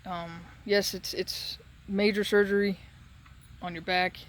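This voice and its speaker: A man talking casually and haltingly in a solo update while recovering from surgery with a sore throat. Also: sits high, little pitch movement, fairly bright tone. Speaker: patient giving a recovery update.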